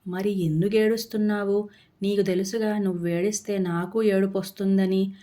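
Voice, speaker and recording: A woman's voice: medium pitch, flat delivery, normal speed, mellow, close to an everyday voice. A woman reading a tender, coaxing grandmother. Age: older. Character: gentle, worried grandmother soothing her grandson.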